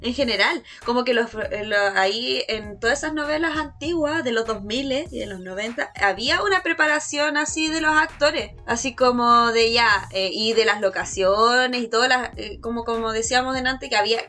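A woman, chatting casually in a relaxed, rambling way. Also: fairly high pitch, moderate pace, few pauses, faint music behind. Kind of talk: casual chat.

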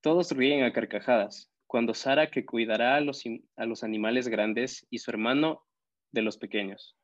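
A man narrating a children's audiobook in a steady reading voice. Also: medium pitch, moderate pace, dull audio. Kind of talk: scripted storybook narration.

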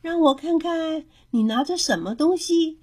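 A woman voicing a jolly bear uncle who keeps bees and talks loudly. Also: high-pitched, unhurried, pitched above the performer's own voice. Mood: delighted.

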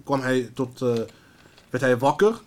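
A man co-hosting a podcast, arguing fast and calling his friend "bro" all the time. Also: mid-range voice, lively intonation. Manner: fast, argumentative, says "bro" constantly. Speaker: podcast co-host. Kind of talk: casual chat.

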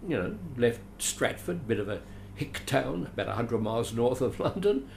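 An older man from Adelaide, a longtime actor, reminisces as an interview guest in a loose, talkative way, slipping in wry self-deprecating remarks. His creaky, darkish voice sits at medium pitch with big pitch swings, delivered at normal speed over slight background noise.

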